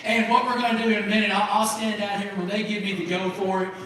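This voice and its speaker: A man's voice: high voice, flat delivery, quick pace, a bit bright, slight background noise. Guy hosting a live show, folksy jokes, repeats himself a lot, far from the mic, super echoey room. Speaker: event host telling jokes. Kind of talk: live stand-up joke telling. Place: large room at live event.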